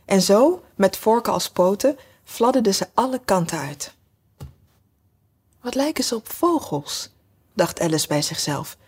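Husky-voiced woman narrator, measured storybook reading, mid pitch. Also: a little mellow. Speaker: audiobook narrator.

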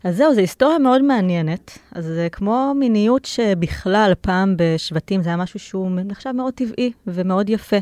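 Smooth-voiced woman guest explaining eagerly. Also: medium pitch, animated, hardly any pauses, a little mellow, dry recording. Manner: enthusiastic, explanatory, many fillers. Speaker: guest, sexuality educator. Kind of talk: casual podcast interview. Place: studio.

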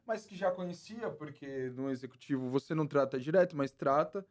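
A man's voice: on the high side, brisk. A man with a Brazilian Portuguese accent hosting an interview, asking long, rambling, leading questions. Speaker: interviewer, host. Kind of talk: conversational interview.

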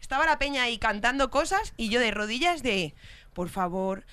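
A woman with a Spain Spanish accent telling a story in casual chat, animated, swearing and laughing as she goes. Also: on the high side, normal speed, clear, resonant tone. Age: adult with a young child. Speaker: podcast co-host telling a story.

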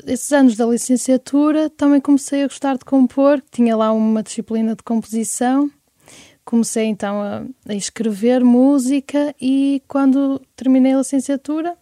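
Young portuguese woman from porto, easygoing chatty guest, bit high, dry close sound. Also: mellow, no echo. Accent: European Portuguese. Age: 20s. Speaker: guest singer-songwriter. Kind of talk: casual interview chat.

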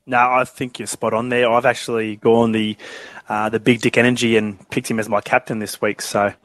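A man's voice: medium pitch, little pitch movement, normal speed, fairly bright tone, no echo. A man hosting a casual sports podcast, laid-back, with lots of fillers and laughter. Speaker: podcast host.

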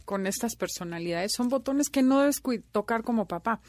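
A woman's voice: on the high side, lively intonation, normal speed, a little mellow, dry recording. A middle-aged woman co-hosting a radio talk show, telling personal anecdotes. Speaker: radio co-host. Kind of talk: casual radio chat.

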